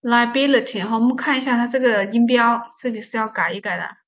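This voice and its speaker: A woman's voice: on the high side, quick pace, a bit bright, lo-fi sound. A woman teaching an English vocabulary lesson, patiently explaining stress and silent letters and repeating each word to drill pronunciation.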